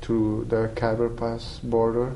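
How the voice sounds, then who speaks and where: A young man from Afghanistan, a panel guest, answering in a halting way and searching for words. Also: mid-range voice, monotone, mellow, slight background noise, low-quality recording.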